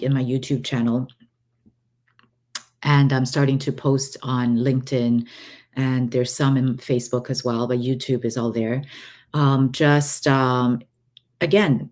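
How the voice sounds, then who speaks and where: A woman giving a guided relaxation talk as an energy healer, halting and unhurried, with long pauses between phrases. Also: extremely low pitch, a little mellow. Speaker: energy healer hosting her own recordings.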